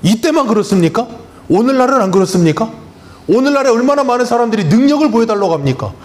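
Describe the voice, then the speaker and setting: A man's voice: extremely high pitch, very animated, quick pace. A man preaching a Sunday sermon as pastor, emphatic and full of rhetorical questions to the congregation. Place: church sanctuary.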